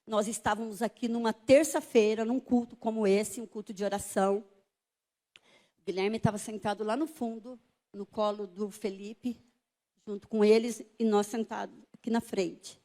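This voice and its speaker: A woman's voice: medium pitch, steady tone, moderate pace, mellow. An older woman giving an emotional church testimony, pleading and tearful as she retells conversations, speaking in a church.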